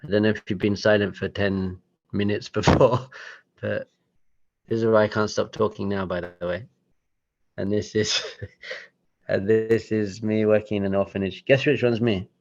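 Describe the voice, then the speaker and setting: A rabbi giving a chatty, self-deprecating motivational talk with slides, breaking into acted-out voices. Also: male voice, on the low side, fairly even intonation, moderate pace, creaky, pauses often, highs cut off.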